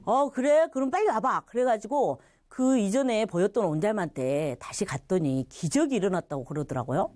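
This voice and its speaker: Lively middle-aged woman giving testimony. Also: medium pitch, no echo. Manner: storytelling with quoted voices and laughter. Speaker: church testimony speaker. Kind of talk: personal testimony.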